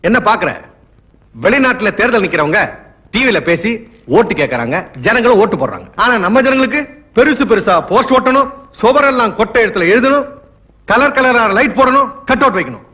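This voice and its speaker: Casting: arrogant crooked politician, film melodrama, quick-fire haughty delivery, muffled lo-fi soundtrack. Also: male voice, extremely high pitch. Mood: cynical contempt. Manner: haughty, scornful, long rhetorical lists. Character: corrupt, arrogant government minister, cynical male politician. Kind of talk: dramatic Tamil film dialogue.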